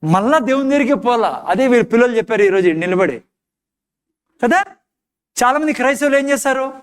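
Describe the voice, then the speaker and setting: A man's voice: animated, fairly quick, smooth. A man preaching a sermon as pastor, emphatic, firing off rhetorical questions. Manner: emphatic preaching, repeated rhetorical questions, acted quotes in low despairing tones.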